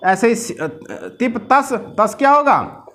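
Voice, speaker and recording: High-voiced man teaching grammar. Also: animated, slow, fairly bright tone, slight background noise. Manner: asks repeated questions, chants rules. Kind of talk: classroom lesson, question and answer.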